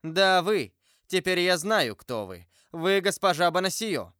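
A man's voice: a little high, big pitch swings, normal speed, a bit bright, dry recording, clean studio sound. A man voicing a scheming noblewoman villain. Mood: accusing. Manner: smooth, guarded, feigned sweetness. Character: cunning scheming noblewoman, adult, deceitful villain. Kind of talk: audiobook character voice.

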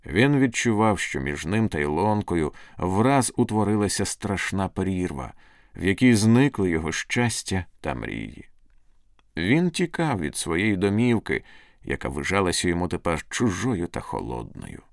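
Expressive low-voiced male storyteller. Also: no room sound, clean studio sound. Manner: expressive, dramatic reading. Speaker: narrator. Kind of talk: scripted storybook narration.

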